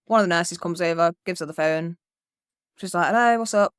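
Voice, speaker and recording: A woman's voice: fairly low pitch, level tone, fairly quick, clear, resonant tone, no room sound, studio quality. A young woman telling a rambling childhood story on a podcast, swearing freely and acting out what people said. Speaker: podcast co-host. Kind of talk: casual storytelling.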